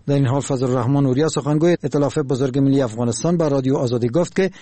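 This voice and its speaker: A man with an Afghan Dari accent reading a news report in a steady, formal way. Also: medium pitch, dry recording. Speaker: radio reporter. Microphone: studio microphone.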